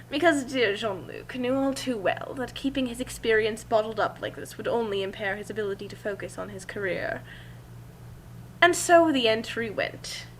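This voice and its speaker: Reading fan fiction in the first person, this woman performs with theatrical emphasis in a fairly high, somewhat bright voice. Hum and noise run through the amateur recording.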